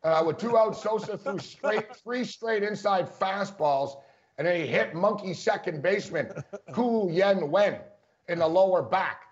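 On a laid-back sports talk show, this co-host has a high voice and a measured pace while he chats, laughs a lot, and drops plenty of fillers. The recording has a dull, lo-fi quality.

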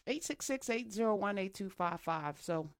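A woman's voice: medium pitch, expressive, normal speed, no echo. An American woman hosting a call-in talk show, speaking in an assertive, challenging, emphatic way. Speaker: talk radio host. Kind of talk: call-in debate.

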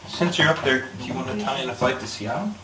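A man's voice: mid-range voice, fast talker, sharp tone, natural voice. An actor playing a meek adult son who pleads with his domineering father. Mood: dutiful. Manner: timid, pleading. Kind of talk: audio drama acting. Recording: roomy, distant, noisy.

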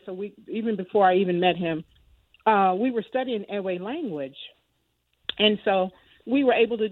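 A woman calling into a radio show, telling a story with animated enthusiasm over the phone. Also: mid-range voice, dry recording. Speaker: caller. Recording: phone line.

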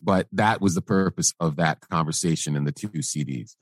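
A man with a fairly low voice speaks as an interviewer. He explains things conversationally and matter-of-factly, with a close, dry sound. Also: moderate pace, dry recording. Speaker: interviewer with music industry experience.

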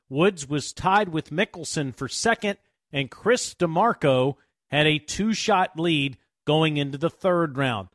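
A man's voice: on the high side, a bit bright, no echo, clean studio sound. A man hosting a golf radio show, narrating recaps and addressing listeners. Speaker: radio sports show host. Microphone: close studio microphone, dry sound.

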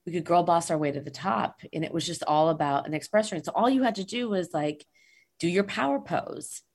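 Husky-voiced passionate woman guest. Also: fairly low pitch, a little fast, a little mellow. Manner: passionate, emphatic, asks "right?" often. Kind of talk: casual conversation.

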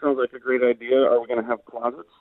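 A man's voice: medium pitch, flat delivery, fast, no echo. A man, a physics professor and guest on a radio show, explains patiently over a phone line that fades in and out, with frequent "um"s.

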